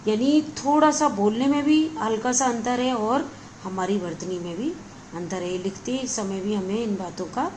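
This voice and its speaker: A woman teacher explains a grammar lesson at a steady, patient pace, repeating key words and pausing often to check her listeners follow. Her pitch sits in the middle range, and a faint hiss runs under the recording. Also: low-quality recording.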